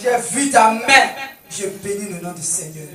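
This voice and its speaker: A woman's voice: mid-range voice, moderate pace, loud music behind the voice. A woman giving a fervent spoken testimony in a church, breaking into sung praise refrains between her words. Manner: fervent, moves between telling and singing refrains. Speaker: testifying worshipper. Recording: roomy echo, voice far from mic.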